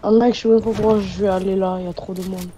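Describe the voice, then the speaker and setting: A woman's voice: mid-range voice, fairly even intonation, fast talker, background noise. A woman chatting casually during an online game, blunt and slangy as she reacts to the play. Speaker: gamer playing online with a friend. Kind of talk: casual gaming chat, live reactions.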